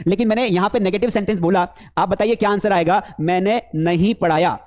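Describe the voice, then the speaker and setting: A man's voice: sits high, steady tone, quick pace. A man teaching English in a live online class, with a Hindi accent, coaxing students with repeated questions.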